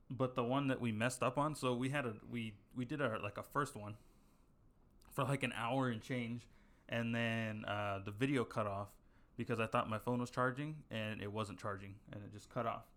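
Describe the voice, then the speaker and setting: A man's voice: medium pitch, steady tone, moderate pace, a bit bright. A young man co-hosting a podcast, telling a long story in casual chat with many fillers and restarts. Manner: rambling, filler-heavy storytelling. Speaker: podcast co-host.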